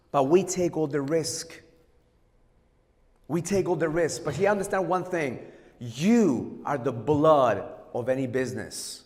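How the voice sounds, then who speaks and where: A middle-aged Ecuadorian man, a native Spanish speaker, delivers a blunt, profane sales keynote in a hotel conference hall, mixing Spanish and English in his motivational talk. His voice is fairly high and carries the sound of a large hall.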